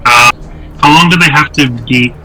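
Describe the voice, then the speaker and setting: A man's voice: medium pitch, moderate pace, crowd noise, poor audio. A man playing a tabletop game, casually putting questions to the game master as a player.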